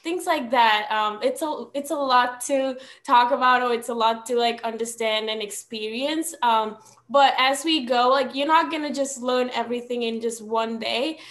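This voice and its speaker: A woman's voice: on the high side, normal speed, hardly any pauses, fairly bright tone. A young woman from Sri Lanka, a podcast guest talking over a video call, earnest and reflective with frequent ums. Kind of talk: casual conversational storytelling. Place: small room at home.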